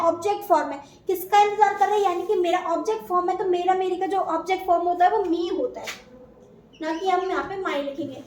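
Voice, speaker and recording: A woman's voice: extremely high pitch, a little mellow, distant mic. A woman with an Indian accent teaching an English grammar class, asking questions and answering them herself. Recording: echoey room, voice from afar, faint noise.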